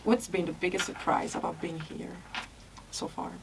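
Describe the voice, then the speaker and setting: A woman's voice: lowish voice, normal speed, vocal fry. A young woman from Italy, hosting a student podcast and chatting casually, often laughing. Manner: relaxed, asks questions, laughs often. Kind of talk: casual chat. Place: school room. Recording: distant mic, noisy background.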